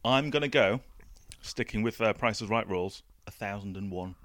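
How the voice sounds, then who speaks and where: A man's voice: fairly low pitch, normal speed, fairly bright tone, no room sound. A man co-hosting a podcast, throwing in dry, teasing remarks. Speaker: podcast co-host. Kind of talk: casual chat.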